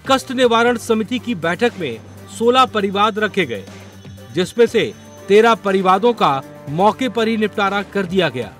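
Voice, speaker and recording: A man's voice: sits high, a bit bright. A man reading a scripted news report in a formal, reportorial way.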